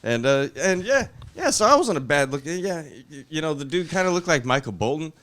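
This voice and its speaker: A man chatting as a podcast guest, crude and halting, often stumbling over his words. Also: a little high, very animated, a bit bright. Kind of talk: casual chat.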